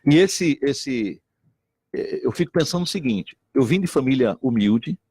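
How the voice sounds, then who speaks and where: A middle-aged man from Recife, Brazil, both a missionary pastor and state deputy, talks a little slowly in a husky mid-range voice on a dry recording. In this animated talk-show chat he stays earnest, repeats himself, and brings quoted speech to life with lively voices.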